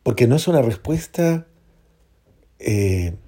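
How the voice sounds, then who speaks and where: A man preaching a homily as a priest, earnest, repeating phrases for emphasis and dropping to soft prayerful tones. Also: mid-range voice, sing-song, slow pace.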